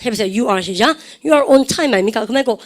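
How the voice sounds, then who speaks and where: Animated Korean woman teaching English grammar. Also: on the high side. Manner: coaxing, calls students to repeat phrases; switches between dialect-tinged Korean asides and slow English drills. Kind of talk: lively classroom-style lecture.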